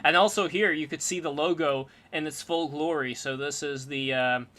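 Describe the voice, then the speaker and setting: A man's voice: a little high, moderate pace, bright, forceful tone, slight background noise. A man hosting an art livestream, plugging upcoming guests with salesman-like enthusiasm in casual chat. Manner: hype-man promo delivery. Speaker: stream host.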